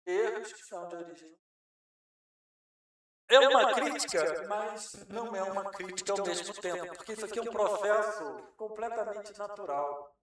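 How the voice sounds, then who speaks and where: In a lecture hall, a man with a Brazilian Portuguese accent gives a Spiritist lecture, patiently explaining and raising rhetorical questions that he answers himself. His voice sits high and a bit bright at a normal speed. The hall is very echoey and the mic is far off.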